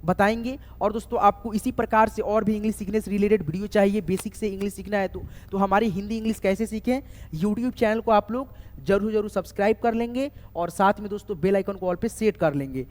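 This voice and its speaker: Man slowly spelling words aloud, echoey room. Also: high voice, darkish tone. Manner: slowly spells words letter by letter, keeps checking "okay?". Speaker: online English tutor. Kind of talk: chalkboard spelling lesson. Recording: echoey room with long reverb.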